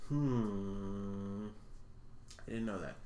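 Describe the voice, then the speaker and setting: A man's voice: fairly low pitch, steady tone, extremely slow, mellow, reverberant, slight background noise. A man co-hosting a casual podcast chat, laughing often, teasing and swearing. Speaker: podcast co-host.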